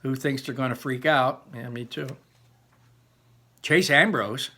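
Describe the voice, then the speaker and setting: This mid-range male voice moves a little slowly as he reads a children's novel to listeners, teacher-style. He leans into dramatic, animated emphasis and pauses to explain things along the way.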